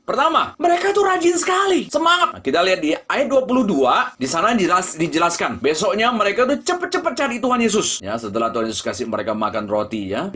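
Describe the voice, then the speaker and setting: A man preaching a sermon as pastor, addressing the congregation often and swinging between loud and hushed delivery. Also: high-pitched.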